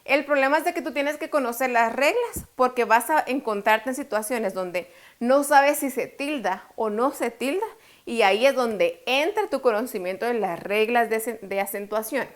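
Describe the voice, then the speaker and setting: Woman teaching in a slightly high voice. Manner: explains step by step, asks and answers her own questions; slows down to stress syllables. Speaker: Spanish teacher. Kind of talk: online lesson.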